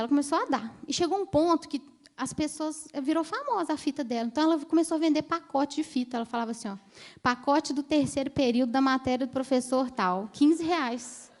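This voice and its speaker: A woman's voice: high voice, darkish tone. A woman, telling patient stories in a chatty way during a conference talk. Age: 30s. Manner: chatty storytelling, addresses the audience directly. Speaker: ophthalmologist giving a conference talk.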